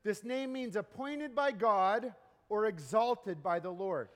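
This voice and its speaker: Joking pastor preaching in a reverberant hall. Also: male voice, high voice, lively intonation, takes it slowly, fairly bright tone. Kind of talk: bilingual sermon with interpreter.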